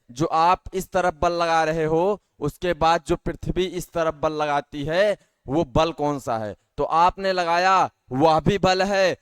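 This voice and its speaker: A male teacher explains a science lesson to schoolchildren, slowly and patiently. His voice is slightly high, smooth and crisp. He puts questions to the class and answers them himself, recorded dry and close. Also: no echo. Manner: calls the students dear children often.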